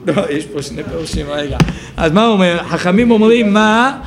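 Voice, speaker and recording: Man, high gravelly voice, Talmud teacher working through a passage aloud; busy crowded study hall behind. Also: expressive, crowd noise. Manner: explains the text aloud, thinking it through with self-corrections.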